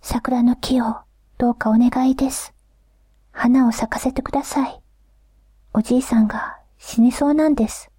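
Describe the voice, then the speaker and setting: A woman voicing a devoted young grandson, whispering earnestly and a little higher than her narration. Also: fairly even intonation, normal speed, mellow, slightly rough, dry recording. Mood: pleading.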